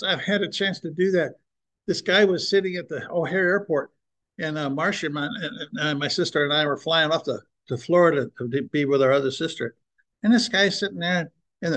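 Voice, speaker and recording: Older guy preaching his testimony, earnest, kinda high voice, pushes hard on his points. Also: vocal fry, a bit bright. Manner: earnest and emphatic, addressing listeners as guys.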